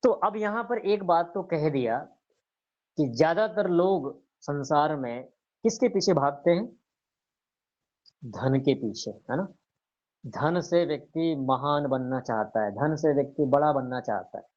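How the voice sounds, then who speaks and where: A man with a fairly high voice gives a scripture lecture in a calm, explaining way. He keeps asking his listeners questions and answering them himself, and slows down to recite verses. The recording sounds dull and lo-fi. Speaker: teacher of scripture.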